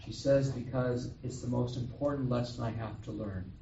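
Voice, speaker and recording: A man's voice: mid-range voice, fairly even intonation, normal speed, vocal fry, background noise. A man giving a homily as a priest, telling a story and acting out the quoted voices. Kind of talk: homily at Mass. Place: chapel or church. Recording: echoey room, distant mic, dull sound.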